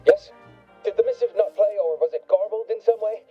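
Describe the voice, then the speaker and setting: A man's voice: high-pitched, brisk. An actor playing a flustered male facility guard speaking over an intercom that sounds like an old time radio show. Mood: officious. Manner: formal, then stammering and flustered. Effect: old time radio sound, speaking through an intercom. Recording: dull lo-fi intercom sound with game music.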